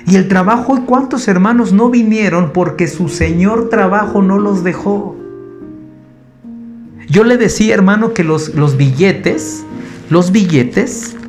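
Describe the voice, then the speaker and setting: A man with a Mexican accent preaching a sermon, animated and addressing the congregation as brothers. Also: high-pitched. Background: guitar music.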